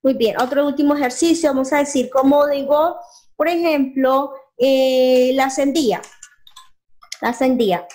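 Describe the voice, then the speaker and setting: Woman, high-pitched, patient coaching teacher, echoes answers. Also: a little slow, a little mellow. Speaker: English teacher. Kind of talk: beginner English lesson dialogue.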